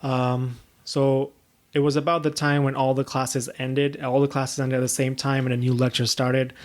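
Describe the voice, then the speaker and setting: A man's voice: mid-range voice, level tone, moderate pace. A young man from Pakistan hosting his own podcast, talking earnestly and reflectively about his life, with many fillers and restarts. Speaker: podcast host. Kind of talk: reflective solo podcast monologue.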